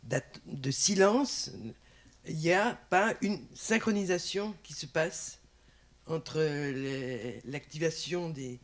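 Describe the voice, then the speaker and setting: A man in an audience haltingly putting a spontaneous academic question, repeating words as he goes. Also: on the high side. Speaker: audience member asking a question.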